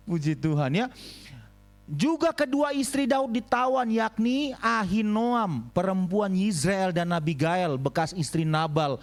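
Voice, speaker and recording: Preaching slowly but with animation, a pastor in a church moves between high exclamations and low asides, repeatedly asking his congregation for amens.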